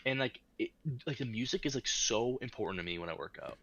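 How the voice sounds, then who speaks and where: A man's voice: mid-range voice, lively intonation, quick pace, bright, forceful tone, no room sound. A young man co-hosting a podcast in casual chat, tossing in jokey quips. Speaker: podcast co-host.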